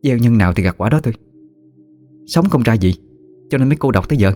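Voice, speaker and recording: A man's voice: mid-range voice, animated, fast talker, mellow, soft background music, pitched above the performer's own voice, lightly acted. A man voicing a young village mother who speaks firmly in her family's defence. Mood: weary. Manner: protective, firm.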